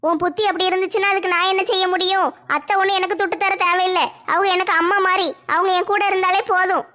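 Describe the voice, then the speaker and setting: A woman voicing a meek, put-upon young daughter-in-law in a comedy skit, slower and plaintive. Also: extremely high pitch, little pitch movement, bright, forceful tone. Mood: defensive.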